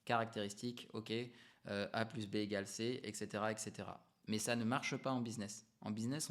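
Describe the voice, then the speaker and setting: A man coaching entrepreneurs to camera in a relaxed, unscripted way, explaining ideas with emphatic repetitions and frequent hesitations. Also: medium pitch. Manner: frequent hesitations and self-corrections. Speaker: business coach.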